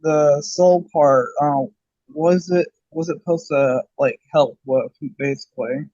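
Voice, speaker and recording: A man's voice: fairly high pitch, steady tone, measured pace, warm tone, no echo. Hesitant man on a dull call line. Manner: hesitant, stumbling. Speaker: webinar participant. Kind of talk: asking a question.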